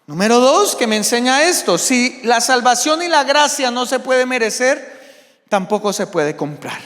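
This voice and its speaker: A Colombian man preaching a sermon from the pulpit of a large church, emphatic and deliberate, asking rhetorical questions. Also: very high-pitched, very animated, fairly bright tone. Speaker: pastor. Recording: long church hall reverb.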